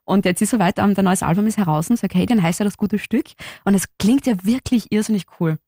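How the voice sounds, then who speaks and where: A woman's voice: mid-range voice, a little fast, mellow, dry recording. An upbeat woman hosting a radio interview in a chatty way. Her voice sits in a mid range and sounds dry and close in the studio. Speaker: radio host.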